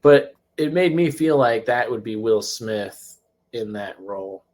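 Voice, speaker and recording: A man co-hosting a casual podcast, telling stories in a rambling, animated way with many restarts. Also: lowish voice, a little slow. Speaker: podcast co-host. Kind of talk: casual chat.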